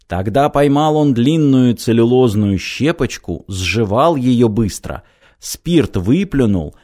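Brief: male storyteller, expressive mock-solemn fairy-tale reading, animated melody. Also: mid-range voice. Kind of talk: read fairy-tale narration.

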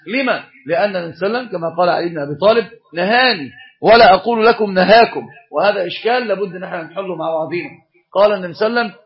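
Animated high-voiced man teaching fast. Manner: animated, asks questions to the class and answers them. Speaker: Islamic scholar teaching a course. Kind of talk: religious lesson. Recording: dull lo-fi recording.

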